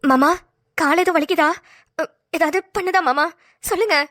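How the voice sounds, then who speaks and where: A woman voicing an anxious, caring young wife in a cartoon, asking quick worried questions. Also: extremely high pitch, a bit bright, dry recording, clean studio sound. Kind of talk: cartoon voice acting.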